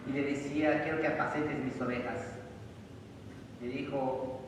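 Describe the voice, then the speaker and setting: A man preaching a sermon and reading scripture, rising loudly for emphasis. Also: medium pitch, fairly even intonation, a little slow. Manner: emphatic, loud rises when reading scripture. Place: church sanctuary. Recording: echoey hall from far off, noisy.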